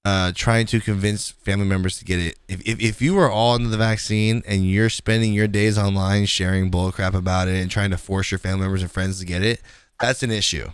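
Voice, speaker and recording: A man's voice: deep voice, brisk, clear, resonant tone, no echo, clean studio sound. A man in his thirties from the United States, co-hosting a casual podcast, talking bluntly and rambling with mocking asides. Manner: rambling, blunt, animated retelling with mocking voices. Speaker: podcast co-host.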